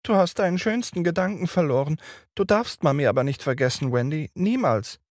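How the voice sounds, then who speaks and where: A man voicing Michael, a small frightened boy, in a high, soft whimper. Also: expressive, brisk, dry recording, clean studio sound.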